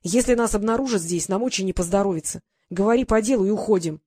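A woman's voice: medium pitch, fast talker, mellow, no echo, close to an everyday voice. A woman voicing a mocking, impatient teenage boy with a brusque, sarcastic manner.

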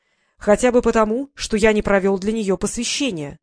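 A dry studio reading in which the reader voices a haughty older nobleman who speaks coldly and deliberately. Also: mid-range voice, no room sound, close to an everyday voice. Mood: calm, haughty. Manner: cold, measured, rising to anger. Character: haughty older male council lord.

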